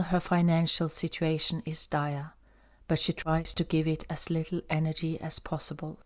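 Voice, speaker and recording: A woman narrating an audiobook in a calm, even storytelling manner. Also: deep voice.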